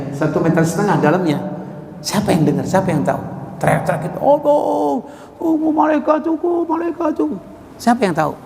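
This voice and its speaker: Animated preacher in an echoey mosque. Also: male voice, a little high, a little hiss or hum. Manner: animated storytelling, switches into quoted voices. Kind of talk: sermon. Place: mosque hall. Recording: echoey hall, faint ambience.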